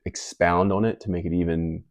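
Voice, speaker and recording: Deep-voiced man musing in casual chat. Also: steady tone, normal speed, no echo, studio quality. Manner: musing, loose, many "like" fillers. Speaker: host.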